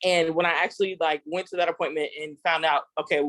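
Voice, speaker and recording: A woman's voice: low voice, fairly even intonation, fast talker, a bit bright, no room sound. A young adult woman telling a personal story in a casual group talk, acting out the voices she quotes. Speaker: group member sharing a testimony.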